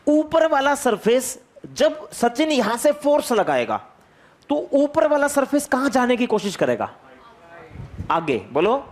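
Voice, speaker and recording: A man teaching physics to a class. He repeats key phrases, keeps asking his students questions and calls on them by name. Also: sits high. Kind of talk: energetic classroom lecture.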